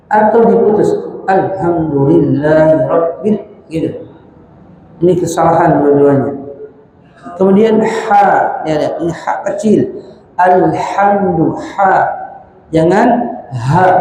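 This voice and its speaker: A man's voice: on the high side, warm tone, a little hiss or hum. A man teaching Quran recitation rules, carefully demonstrating each sound and correcting common mistakes. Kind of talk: tajwid lesson with chanted recitation. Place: mosque hall. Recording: echoey hall with long reverb.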